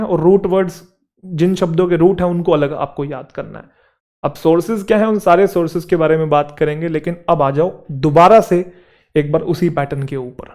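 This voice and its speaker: A man's voice: fairly high pitch, a little mellow. A man, teaching an English vocabulary lesson for exam students in Hindi mixed with English words, checking that his students follow along.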